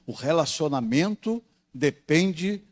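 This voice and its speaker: Brazilian pastor guy teaching bible class, voice a bit high, explains step by step and keeps checking everyone's following. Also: expressive. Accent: Brazilian Portuguese. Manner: slows down and stresses key words.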